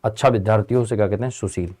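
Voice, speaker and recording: A man's voice: fairly low pitch, steady tone, very fast, a little mellow. Man drilling an exam-prep class. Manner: call-and-response drilling, answering his own questions; casual, addresses students as beta and bhai. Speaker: teacher. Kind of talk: online exam-prep lesson. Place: Indian tutoring channel.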